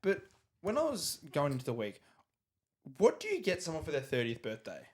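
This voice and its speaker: A young man hosting a casual sports podcast, rambling with halting restarts. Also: fairly high pitch, wildly swooping pitch. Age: young adult. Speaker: podcast host.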